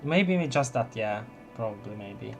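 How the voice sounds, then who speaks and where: A man streaming a game with casual live commentary, reacting and reading on-screen text aloud in a halting way. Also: on the low side, lively intonation, gravelly, lo-fi sound, faint music behind.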